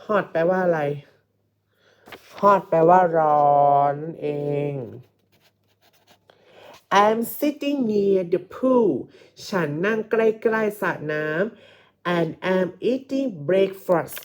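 A woman's voice: mid-range voice, expressive, drawn-out words, darkish tone. A woman teacher giving a patient English lesson, repeating each phrase and translating it for her students. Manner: asks the students questions and calls them kids. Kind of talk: slow classroom English lesson explained in Thai.

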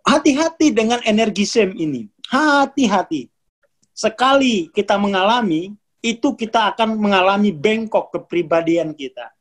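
A lecturer talks through spiritual ideas in a casual, conversational way, at a middling pitch. The speaker keeps repeating cautions and breaks into laughter between points. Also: animated, moderate pace. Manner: repeats warnings, laughs often.

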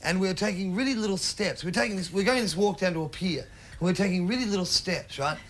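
A middle-aged man doing stand-up, telling a rambling story with sudden shouted bits, recorded live on stage. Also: high voice, fast. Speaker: stand-up comedian. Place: comedy stage before an audience.

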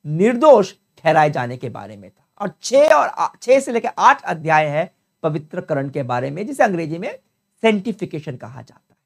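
An older man with a high, gravelly voice leads a Bible study despite a sore throat. He is earnest and explanatory, repeating key terms as he speaks into a lapel mic in a study.

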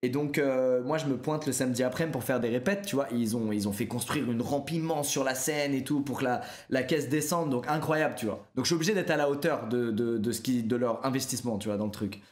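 A young man, a streamer, telling a lively anecdote to his viewers in a casual way, with many fillers. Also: medium pitch, fairly quick, few pauses, reverberant.

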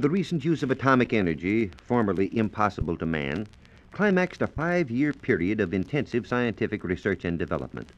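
An American man with a low voice, working as a science reporter and presenter, explains science from a formal, carefully worded radio script. His intonation rises and falls in lively fashion, and the recording is a dull, lo-fi 1940s transcription disc.

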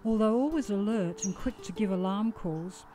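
Australian woman reading a nature doc voice-over, warm mellow tone, calm and measured, faint music behind. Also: medium pitch. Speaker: documentary narrator. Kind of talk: scripted nature narration.

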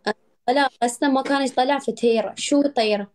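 A young woman with a Gulf Arabic accent talks very quickly in a slightly high voice. She banters casually on a live stream, repeating herself insistently. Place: indoor room, live video call.

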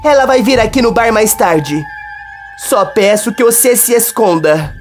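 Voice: medium pitch, lively intonation, measured pace, natural voice. A narrator voicing a nervous, defensive woman pleading her case in a soap-opera recap, over faint music. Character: nervous woman under accusation. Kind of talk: read-out novela dialogue.

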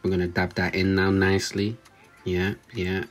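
A man's voice: low voice, completely flat delivery, normal speed, faint music behind. A young man giving a casual, joking voice-over, narrating step by step.

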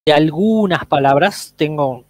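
A male English teacher explains at an unhurried pace on a video call. His voice sits a little high and he keeps pausing to check his students follow. The sound is close and dry. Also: dry recording, poor audio. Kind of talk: online language workshop.

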